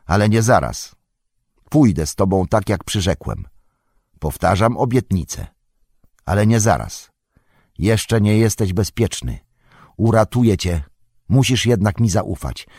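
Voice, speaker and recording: A man's voice: fairly low pitch, animated, unhurried, pauses often, darkish tone, breathy edge, dry recording, clean studio sound, heavily acted. A man reading an audiobook, voicing an earnest young male hobbit who speaks firmly and urgently. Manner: pressing, calling out urgently. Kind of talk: audiobook character voice.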